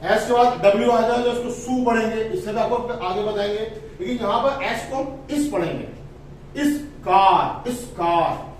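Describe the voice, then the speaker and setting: A man teaching English phonics in a lesson, spelling out letters slowly and stressing the vowel sounds. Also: very high voice, darkish tone, a little hiss or hum. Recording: echoey room, voice from a distance, faint ambience.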